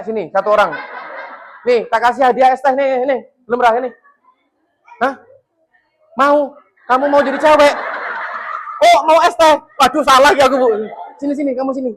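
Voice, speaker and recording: A man with a Javanese accent giving a lively parenting talk to parents at a school, joking with them and acting out parents and children. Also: very high-pitched. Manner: jokes with the audience and acts out parents and children. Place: school hall with a parent audience.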